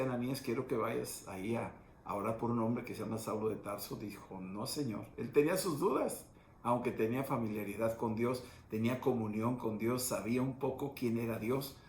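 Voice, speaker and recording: A middle-aged man pastor, teaching in a steady, explanatory conversational sermon. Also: mid-range voice. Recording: echoey room with faint noise.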